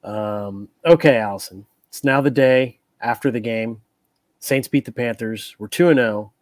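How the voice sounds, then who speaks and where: A man's voice: medium pitch, unhurried, no room sound. A man hosting a casual sports podcast, talking in a loose, tipsy ramble. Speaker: podcast host.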